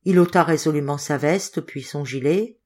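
A woman reading a storybook aloud in an expressive, measured manner. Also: low-pitched. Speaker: audiobook reader. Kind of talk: storybook narration.

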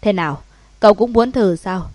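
A woman's voice: medium pitch, moderate pace, a little mellow, no room sound, close to an everyday voice. A woman voicing a cold, menacing young man who taunts in short, clipped lines in an audiobook.

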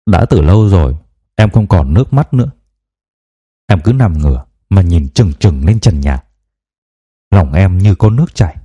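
A male audiobook narrator reading a first-person novel in a confiding, reflective way. His voice sits very low and sounds mellow and warm. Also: lively intonation, normal speed, long pauses, slightly rough, lo-fi sound.

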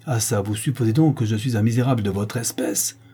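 A man's voice: medium pitch, a little fast, mellow, slightly rough. A man voicing a hypocritical rich banker who speaks with threatening scorn. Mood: scornful.

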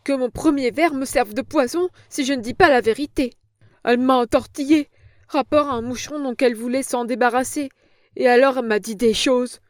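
A coarse old crone who whines and wails in a high, quavering pitch, loud and plaintive, as a woman reading the book puts her on. It is a dry, close storybook recording. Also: brisk, no room sound, close to an everyday voice. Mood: whining, frightened. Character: old vulgar female innkeeper, whining and scared.

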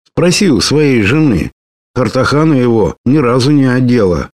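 A man voicing a lively, bold young woman warrior who talks brashly and teases. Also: mid-range voice, moderate pace, no echo, pitched above the performer's own voice, natural voice. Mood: indignant. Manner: brash, teasing, excitable.

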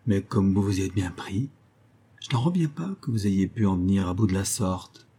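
A man reading aloud and voicing a brisk, teasing male friend in a husky, dark voice. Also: low voice. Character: cheerful mischievous middle-aged male friend.

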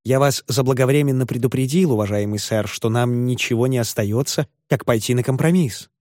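A man's voice: medium pitch, a little fast, a little mellow, no echo, clean studio sound, natural voice. A man voicing a small, fussy lawyer who keeps pleading and placating. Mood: hushed. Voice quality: fussy, imploring. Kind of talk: audiobook character voice.

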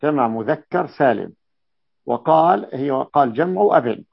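A man's voice: mid-range voice, expressive, a little slow, creaky, husky, dry recording. A man teaching a classical grammar lesson, repeating key terms and asking his students checking questions. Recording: dull lo-fi dry recording.

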